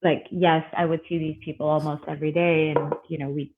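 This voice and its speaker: A woman from Bangladesh, born in Russia, talks through her story as a podcast guest, relaxed and reflective. Her voice stays quite flat in pitch. It comes over a tinny, phone-like line. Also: fairly quick, slight background noise. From born in Russia, raised in Bangladesh. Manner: relaxed, reflective, with fillers and light laughs. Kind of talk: casual interview conversation.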